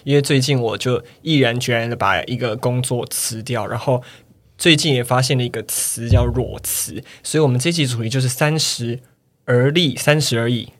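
A man's voice: medium pitch, moderate pace. A man, co-hosting a casual chat and telling stories animatedly. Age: 30s. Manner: animated storytelling, acts out quoted people. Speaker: podcast co-host.

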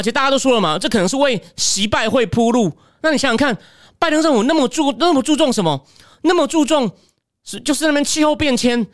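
A man with a Taiwanese Mandarin accent delivers opinionated political commentary alone, pressing the viewer with rhetorical questions. His voice sits unusually high and he talks at a rapid clip. The sound is close and dry, with almost no room around it. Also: fairly bright tone, no room sound.

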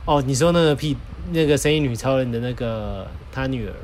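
A man's voice: mid-range voice, fairly quick, a little mellow, slight background noise. A man co-hosting a podcast, telling stories in a joking, boastful way. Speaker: podcast co-host. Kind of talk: casual chat.

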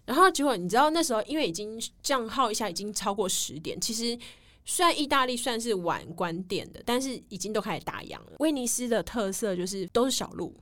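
A woman's voice: fairly high pitch, fast. A woman co-hosting a casual podcast chat, telling a travel story and acting out the voices of people in it. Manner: animated, acts out dialogue in her story. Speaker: podcast co-host.

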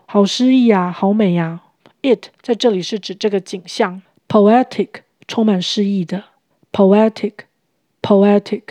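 A woman with a warm, relaxed voice hosts a podcast English lesson. She explains each word patiently and step by step, then reads the example phrases slowly. Her voice is recorded dry and close on a studio mic. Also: medium pitch, no echo. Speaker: podcast host and English teacher.

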